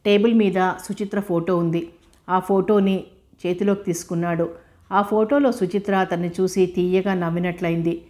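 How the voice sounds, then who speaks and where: A woman with a lowish voice reads a novel aloud. Her storytelling is calm and even, as scripted audiobook narration. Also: moderate pace.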